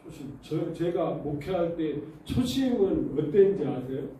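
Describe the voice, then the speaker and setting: Echoey, dark-voiced male pastor preaching. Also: on the high side, a little slow, far from the mic, slight background noise. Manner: animated storytelling with rhetorical questions to the congregation. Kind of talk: sermon. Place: church sanctuary. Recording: very echoey church hall, voice off-mic.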